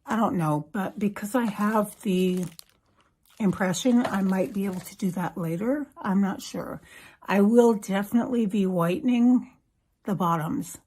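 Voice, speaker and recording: Husky woman with a slight lisp. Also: medium pitch, measured pace, darkish tone. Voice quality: slight lisp from new veneers. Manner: pleased, informal, reassuring. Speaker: product reviewer. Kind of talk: casual chat to camera.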